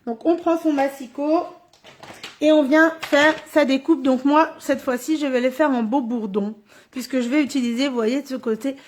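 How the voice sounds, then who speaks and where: High-voiced chatty woman crafting live. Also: fairly even intonation, moderate pace. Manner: chatty, thinks aloud while working. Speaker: card-making demonstrator. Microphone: phone or camera on a stand.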